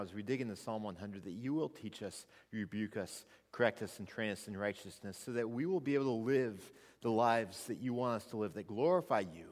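A male pastor preaching a sermon at a pulpit microphone in a church, speaking conversationally with frequent restarts. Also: on the low side. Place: church sanctuary. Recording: long reverb of a church hall.

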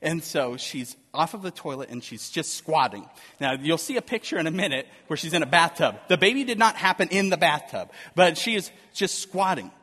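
A man in his thirties telling a personal story to an audience, animated and self-deprecating. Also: fairly high pitch, a little fast, big-room sound.

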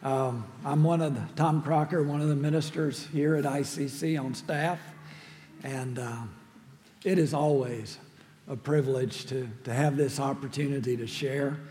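A man with a raspy, gravelly voice preaching a sermon as a church minister, in a reflective, halting way. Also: medium pitch, fairly even intonation, mellow. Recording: long hall reverb.

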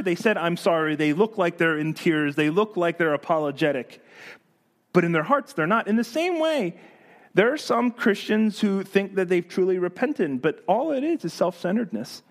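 Man, pastor, sermon, high voice, animated, emphatic, acts out quotes.

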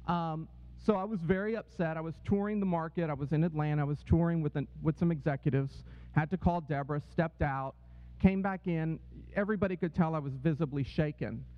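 A man's voice: on the high side, brisk. A man speaking to a congregation, telling a personal story and checking in with "right?" and "okay?". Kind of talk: testimony talk to a congregation. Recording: dull, echoey hall sound.

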